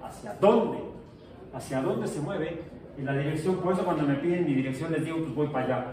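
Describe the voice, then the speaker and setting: Joking physics teacher in an echoey classroom. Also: male voice, a little high, moderate pace, background noise. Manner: jokey, asks the class questions. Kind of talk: classroom lecture. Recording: echoey room, far from mic.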